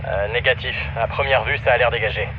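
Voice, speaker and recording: A man's voice: medium pitch, steady tone. A man voicing a video game drone operator, reporting in terse, clipped phrases over a military radio. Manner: terse, brisk, matter-of-fact. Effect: military radio transmission. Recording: muffled game radio over battle noise.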